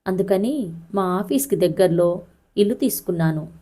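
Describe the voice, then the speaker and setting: A woman voicing a worried young mother who answers in a soft, hesitant way. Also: mid-range voice, animated, moderate pace, close to an everyday voice. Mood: resigned.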